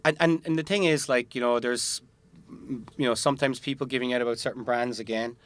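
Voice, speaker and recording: A man chatting about his boat on a podcast, wandering through his thoughts with fillers and restarts. His voice sits at an ordinary pitch, recorded close and dry with little room sound. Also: fairly even intonation, brisk, no room sound. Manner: rambling, many fillers and restarts. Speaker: boat owner guest. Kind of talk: casual podcast chat.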